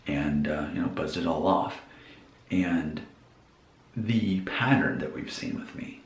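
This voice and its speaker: A man's voice: a bass voice, slow, gravelly, reverberant. A man in his forties thinking aloud to viewers in a casual, musing vlog monologue. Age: 40s. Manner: musing, self-questioning. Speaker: vlogger.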